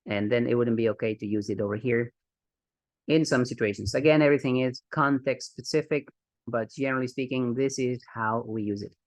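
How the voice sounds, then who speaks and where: A man's voice: medium pitch, fairly quick, no echo. A man teaching an online English grammar lesson in an upbeat way, repeating key words for emphasis.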